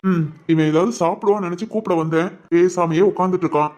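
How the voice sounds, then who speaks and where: A man playing a calm village husband. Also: high voice, quick pace, close to an everyday voice.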